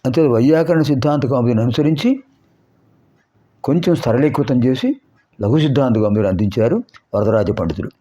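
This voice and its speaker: A man teaching a Sanskrit lesson, explaining grammar and slowly repeating sounds to show how to pronounce them, with rhetorical questions. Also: mid-range voice, expressive, mellow. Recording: dull lo-fi recording.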